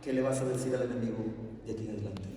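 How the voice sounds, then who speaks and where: A male preacher telling a story in a sermon, animated and calling on the congregation to repeat after him. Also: medium pitch, rapid-fire. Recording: echoey hall, voice from far off.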